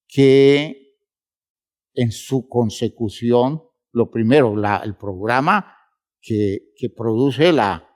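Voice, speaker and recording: Speaking to the congregation as his brothers, a preacher with a mid-range, darkish voice delivers a sermon. He is measured and emphatic, stretching words to stress them.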